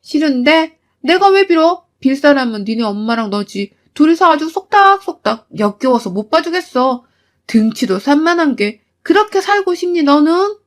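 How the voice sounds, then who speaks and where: A woman's voice: high voice, big pitch swings, moderate pace, pitched above the performer's own voice. A woman voicing her younger self as an angry wife, talking back sharply and raising her voice. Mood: furious. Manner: sharp, defiant, shouting. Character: furious fed-up young wife.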